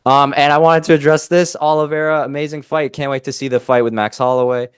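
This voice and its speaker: A young man co-hosting a casual fight-analysis podcast, opinionated and animated, often breaking off mid-sentence. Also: fairly high pitch, quick pace, clear, resonant tone, no echo, clean studio sound. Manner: animated, opinionated, self-interrupting. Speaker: MMA podcast co-host.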